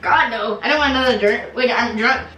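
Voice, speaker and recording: A young woman telling a casual storytime, animated and slangy with lots of fillers. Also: on the high side, a little fast, a little hiss or hum. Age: young adult. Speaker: vlogger. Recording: echoey room, mic some distance off.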